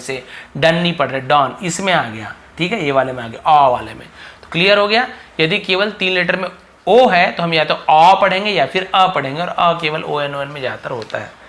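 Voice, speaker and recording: A man's voice: on the high side, pushed and bright. A young man teaching English reading as a lesson, stretching and repeating vowel sounds to demonstrate pronunciation. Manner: drawn-out phonics demonstrations, addresses viewers as sir-style students. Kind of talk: spoken lesson at a board.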